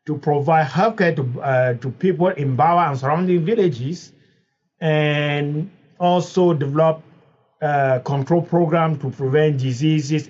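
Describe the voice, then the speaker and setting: A man's voice: a little high, darkish tone. A middle-aged man from Cameroon, earnestly telling his story as a podcast guest. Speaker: podcast guest, biology professor. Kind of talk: interview answers. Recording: dull lo-fi sound.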